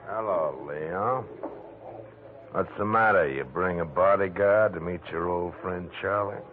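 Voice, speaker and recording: An actor playing a sly, menacing ex-convict gangster with a taunting, mock-polite manner in a 1940s radio drama. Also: male voice, low-pitched, unhurried. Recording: muffled, hissy vintage radio recording.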